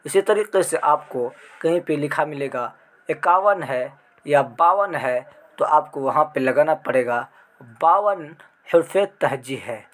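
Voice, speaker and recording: A man's voice: on the high side, animated, a bit bright. Man teaching a grammar lesson. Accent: Indian Urdu. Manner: explains step by step, recites letters one by one, asks the class questions. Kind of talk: exam prep grammar lesson.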